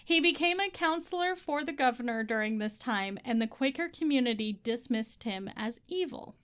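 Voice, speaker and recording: High-voiced woman reading research with laughs. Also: expressive, moderate pace, a bit bright, smooth. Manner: laughs often, casual swearing. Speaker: podcast co-host. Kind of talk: casual chat, reading research notes.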